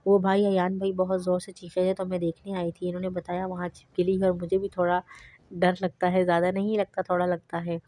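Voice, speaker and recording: Brief: narrator doing an innocent, easily flustered young wife, dry close sound. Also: female voice, fairly low pitch, completely flat delivery, dark tone, dry recording, natural voice.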